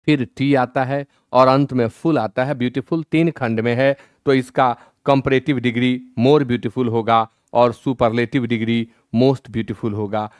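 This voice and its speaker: A man with an Indian English accent teaching grammar, reading English rules out slowly and then explaining them step by step. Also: mid-range voice, smooth, dry recording, studio quality.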